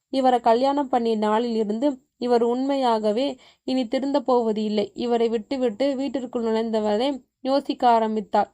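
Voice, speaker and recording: A woman reading a horror story aloud as a storyteller, in an even, measured way. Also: fairly high pitch. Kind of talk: scripted horror story narration.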